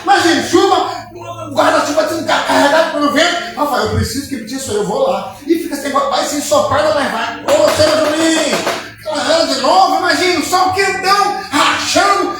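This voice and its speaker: High-voiced preaching man in echoey hall. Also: normal speed. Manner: preaches with shouted peaks and acted-out quotes. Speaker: pastor. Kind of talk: sermon. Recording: echoey church hall from far off, music behind. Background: music.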